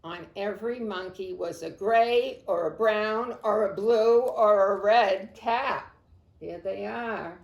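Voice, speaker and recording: Slow, expressive storytime woman. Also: mid-range voice, creaky. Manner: expressive and slow, praising children by name. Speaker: children's librarian. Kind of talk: storytime read-aloud. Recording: roomy echo.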